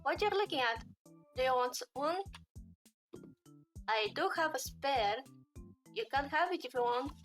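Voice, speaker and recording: A woman voicing a bubbly, energetic teenage schoolgirl while reading a visual novel aloud. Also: unhurried, long pauses, faint music behind. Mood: cheerful. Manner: perky, high, bouncy delivery.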